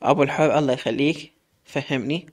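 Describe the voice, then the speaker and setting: A defiant young woman captive with an Iraqi accent, sharp-tongued and scolding, as a male storyteller puts her on. Her voice keeps the reader's own medium pitch. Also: fast talker, slightly rough, natural voice. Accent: Iraqi Arabic. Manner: scolding, questioning.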